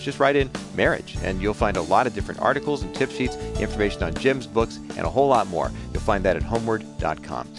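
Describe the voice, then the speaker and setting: A man co-hosting a radio show, reading the closing announcements in a smooth, upbeat broadcast manner. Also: medium pitch. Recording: radio studio with guitar music bed.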